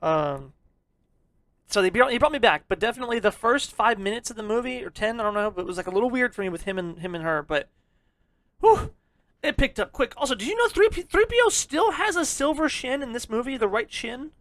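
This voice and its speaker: Swearing freely and rambling, an excitable co-host keeps a podcast chat casual and brisk. The middle-pitched voice comes across close in a dry recording, free of any room sound.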